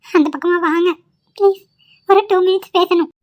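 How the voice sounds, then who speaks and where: A woman's voice: very high voice, steady tone, normal speed, no echo, studio quality. A woman voicing a frightened, tearful young female college student in a cartoon, pleading and accusing. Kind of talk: cartoon voice acting.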